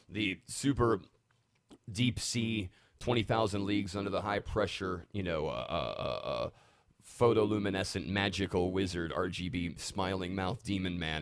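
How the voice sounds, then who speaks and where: A man hosting a live stream from his music studio, rambling excitedly between stories and talk about his gear. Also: sits low, no echo.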